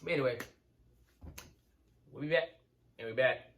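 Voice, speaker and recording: A man's voice: medium pitch, moderate pace, fairly bright tone. Man, co-host, laid-back, repeats words, casual chat. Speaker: co-host of a wrestling reaction channel.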